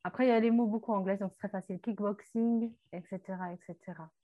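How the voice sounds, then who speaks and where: A woman's voice: mid-range voice, steady tone, fast, narrow, tinny audio. A woman teaching vocabulary in a chatty way, with many hesitations, dropping in foreign words as she explains. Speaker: language teacher. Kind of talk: explaining vocabulary on a radio show.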